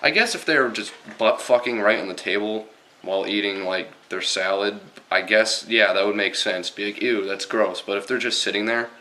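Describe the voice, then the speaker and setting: A man's voice: lowish voice, moderate pace, bright, forceful tone. A young man ranting casually to camera, exasperated and swearing a lot, with many fillers. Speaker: vlogger.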